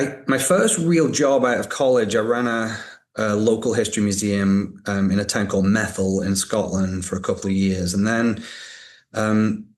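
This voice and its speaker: A man in his fifties with a Northern English accent softened by American, telling his own story reflectively as an interview guest, often repeating words as he goes. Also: lowish voice. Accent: Northern English softened by American, transatlantic. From Northern England. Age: 50s. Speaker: podcast guest, museum director. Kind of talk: conversational interview, personal storytelling.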